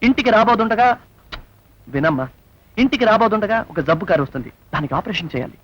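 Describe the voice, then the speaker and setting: A man's voice: high-pitched, very animated, fast. An actor playing a brash young man who barks for a gambling stall and brags about being a motor mechanic. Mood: boastful. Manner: loud sing-song barking at a gambling stall. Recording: dull old film soundtrack with music.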